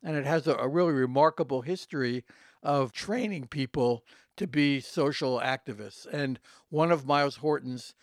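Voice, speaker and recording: A man's voice: mid-range voice, normal speed, no echo, clean studio sound. A man speaking as a professor in an interview, laying out history in a factual, lecturing way. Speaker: professor, expert interview guest.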